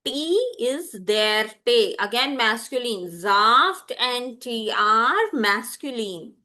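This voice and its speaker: A woman teaching vocabulary, repeating each word slowly and clearly for learners. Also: on the high side, expressive, bright, forceful tone. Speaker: language teacher. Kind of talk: slow, deliberate vocabulary lesson.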